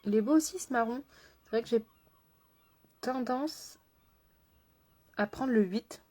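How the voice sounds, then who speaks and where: A woman's voice: fairly high pitch, a little slow, a little mellow. A woman makeup artist chatting casually on a live stream, laughing often and answering viewers by name as she works. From France.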